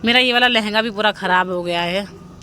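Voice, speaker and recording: Bright-voiced woman narrating her family vlog. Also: medium pitch, a little fast, a little hiss or hum. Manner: chatty, pleads with viewers for comments. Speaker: family vlogger. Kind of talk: casual voice-over narrating home video.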